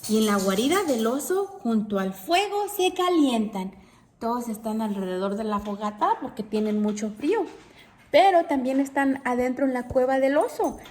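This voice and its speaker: A woman teacher reading a picture book aloud to children, animated and asking them questions along the way. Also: a little high, moderate pace. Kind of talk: storybook read-aloud for children.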